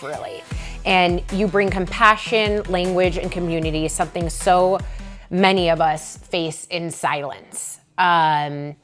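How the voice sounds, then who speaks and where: A woman with a slightly low voice hosts a podcast and opens the episode. She talks in a heartfelt, measured way, with plenty of "um" and "you know". Faint music plays behind her. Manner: heartfelt, measured, with many fillers. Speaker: podcast host. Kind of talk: podcast intro.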